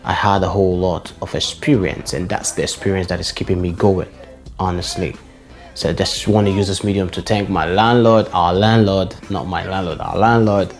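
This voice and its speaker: A Nigerian man in his forties speaks in a low voice in a personal vlog. He looks back nostalgically on the neighborhood where he grew up, listing names and giving shout-outs.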